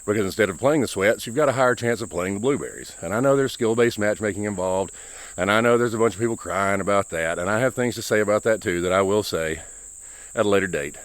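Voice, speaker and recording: Low-voiced, out-of-breath vlogging man. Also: fast talker, clean tone, no room sound. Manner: rambling, opinionated. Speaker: gaming vlogger. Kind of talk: casual vlog monologue while walking. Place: outdoors on a walk, rural.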